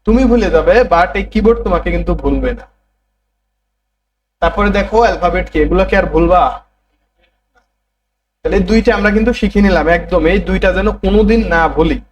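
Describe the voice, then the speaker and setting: A man's voice: high voice, fairly quick, long pauses, muffled recording. A man teaching a computer class, repeating terms and prompting students to say them back. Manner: repetitive, drilling students to answer back. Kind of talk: classroom lesson.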